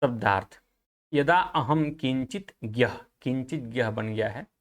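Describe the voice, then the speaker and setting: A male teacher with a Hindi accent works through Sanskrit verses for exam preparation. His pitch sits in the middle range, and he chants each verse slowly before explaining it in brisk, conversational speech.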